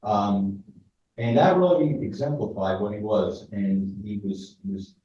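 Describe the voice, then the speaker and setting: A middle-aged man with a New Jersey accent shares a memorial tribute as a string of self-deprecating stories. His voice is low and dark. It comes through a muffled, echoing recording made away from the mic, with a faint hiss behind it. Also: a little slow. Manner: anecdotal, self-deprecating storytelling. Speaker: martial arts teacher paying tribute. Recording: echoey, distant, muffled with faint noise.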